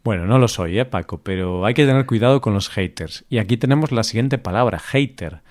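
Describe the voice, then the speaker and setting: A man's voice: fairly low pitch, quick pace. A man from co-hosting a casual chat podcast, musing aloud about how Spaniards say English words, with easy fillers. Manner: relaxed, thinks aloud with fillers. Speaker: podcast co-host.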